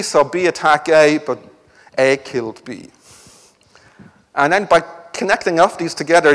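A man's voice: on the high side, fairly bright tone, in a large hall. A man giving an academic conference talk with a wry, joking delivery. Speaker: conference speaker. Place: lecture hall.

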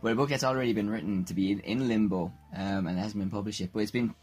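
A man's voice: lowish voice, steady tone, fast talker, darkish tone, breathy edge, faint music behind. A man co-hosting a podcast in casual, jokey chat, rambling with many fillers and restarts. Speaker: podcast co-host.

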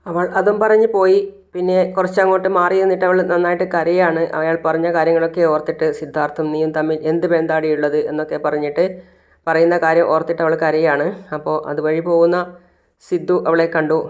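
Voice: mid-range voice, level tone, a little fast. A speaker casually retelling the plot of a TV serial in plain narration, and acting out the characters' lines between the narration. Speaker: storyteller recapping a TV serial.

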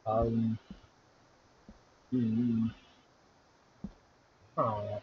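A man streaming a survival game, chatting casually and breaking into excited exclamations and humming. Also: lowish voice, drawn-out words, highs cut off, a little hiss or hum. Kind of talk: casual gameplay commentary.

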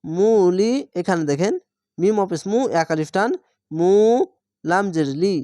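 A woman's voice: fairly low pitch, normal speed, darkish tone, no room sound. A woman. She spells out each syllable patiently and blends it into the word, drawing out the vowels. The sound is close and dry. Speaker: Quran reading teacher. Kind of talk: slow spelled-out recitation lesson.

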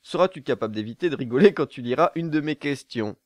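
A man's voice: mid-range voice, expressive, quick pace, dry recording. Jokey young man, dry close mic. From southern France. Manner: jokey, laughs at his own jokes, lots of hesitations. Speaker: YouTuber answering viewer questions. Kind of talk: casual solo Q&A to camera.

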